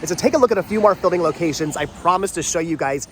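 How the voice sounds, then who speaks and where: Walking outdoors through a rainy town and filming himself, a man chats enthusiastically for his vlog despite a stuffy, congested voice from a cold. He talks fast, with a slightly high voice and lively intonation, over light street noise.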